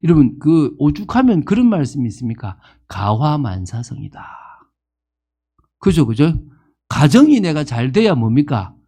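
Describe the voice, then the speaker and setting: A man's voice: a little high, big pitch swings, normal speed, mellow, husky. A man in his fifties preaching a sermon as pastor, asking the congregation questions and acting out the people he quotes. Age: 50s.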